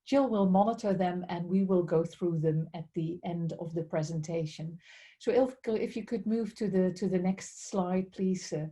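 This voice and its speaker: Speaking at normal speed in a lowish, mellow voice, a woman with a Dutch accent presents a business webinar over a video call. She is the head of strategic accounts and keeps things polite, often mentioning how grateful she is.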